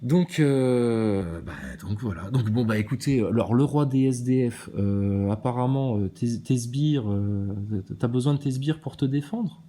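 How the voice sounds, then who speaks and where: Combative, preachy man with a mellow voice. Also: mid-range voice, unhurried, few pauses, slight background noise. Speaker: video maker answering viewer comments. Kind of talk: ranting monologue to commenters.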